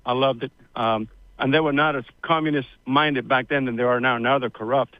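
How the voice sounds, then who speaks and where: A Cuban-born man in his sixties, speaking a little fast in a medium-pitched voice with fairly even intonation, tells his family story as a radio guest. The audio is narrow and tinny with no echo, and his casual interview storytelling rambles along, chatty and full of fillers.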